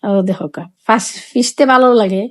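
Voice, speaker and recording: A woman's voice: mid-range voice, moderate pace. A woman with a Sylheti Bengali accent, walking viewers through a home cooking demonstration in a chatty, repetitive way. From Sylhet, Bangladesh. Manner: chatty, repeats phrases, explains each step. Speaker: cooking vlogger.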